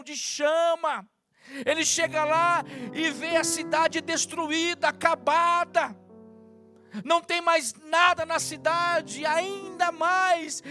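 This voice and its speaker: A male pastor preaching a sermon to a live congregation, stacking long repetitive lists and dropping from loud to hushed. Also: very high-pitched. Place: church service with live congregation.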